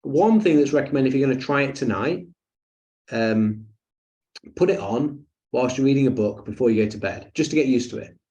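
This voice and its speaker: A man's voice: mid-range voice, moderate pace, warm tone, lo-fi sound. A man teaching a breathing webinar in a chatty, jokey way with lots of fillers and asides. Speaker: breathing coach.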